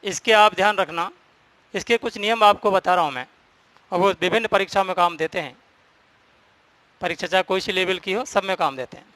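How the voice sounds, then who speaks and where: A man's voice: high voice, a little fast, pauses often, bright, forceful tone, no room sound. A man teaching a Hindi grammar lesson, explaining rules step by step and repeating the key points.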